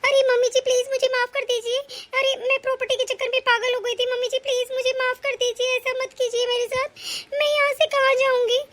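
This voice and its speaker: A woman voicing a greedy, scheming young daughter-in-law from a rich family in an animated story. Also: extremely high pitch, a little fast, hardly any pauses. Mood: pleading. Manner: smug, scheming, later pleading.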